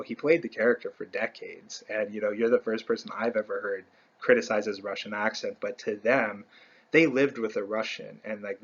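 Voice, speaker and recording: Man, low voice, casual ranking commentary, rambling, self-correcting, dull lo-fi recording. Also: a bit bright. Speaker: fan video host.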